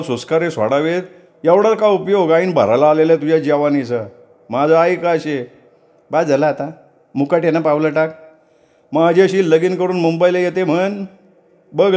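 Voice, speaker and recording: A man putting on a rough, vengeful young village bully. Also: fairly high pitch, a little mellow, voice pushed up, lightly acted. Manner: coarse, bullying village speech. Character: rough young male servant, hot-tempered and vengeful.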